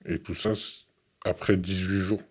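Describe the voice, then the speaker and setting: A young man from France giving an earnest, halting interview testimony, often repeating his words. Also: deep voice, little pitch movement, husky.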